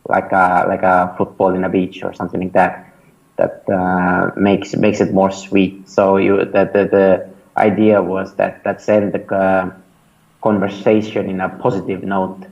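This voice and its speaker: Speaking in a deep, darkish voice with vocal fry, this interview guest delivers his answers completely flat and without hurry. He's a thirty-something startup founder and mentor whose first language is Estonian, and his accent shows it. He hesitates casually, using lots of fillers and restarts, and the recording is lo-fi.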